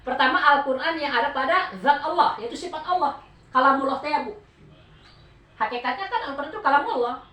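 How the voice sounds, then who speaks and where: A woman's voice: high-pitched, fairly quick, sharp tone. A woman with a Sundanese accent giving a Quran study talk to a group of women, explaining patiently and often asking her listeners for answers. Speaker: religious teacher. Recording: echoey room, voice heard from a distance.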